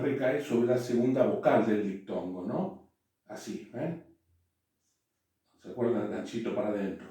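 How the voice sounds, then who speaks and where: A man giving a classroom lecture, halting, with frequent "eh" and checks that students follow. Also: medium pitch, warm tone. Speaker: teacher. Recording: echoey room, voice from far off.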